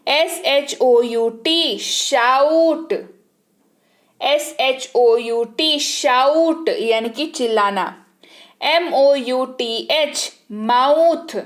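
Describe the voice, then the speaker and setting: A woman teaching English words, spelling each one out letter by letter and repeating it with its meaning. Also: high voice. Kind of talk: slow teaching lesson, spelling words aloud.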